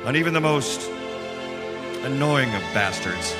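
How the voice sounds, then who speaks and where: A man's voice: medium pitch, animated, unhurried, loud music behind the voice, close to an everyday voice. An actor playing a male companion who narrates the scene wryly on a live stage. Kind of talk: live stage comedy performance.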